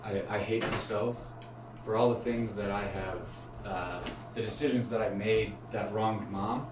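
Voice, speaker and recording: Low, hesitant man confessing. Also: fairly even intonation. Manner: halting, hesitant, self-critical. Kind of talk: emotional confession. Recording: echoey room from far off, noisy.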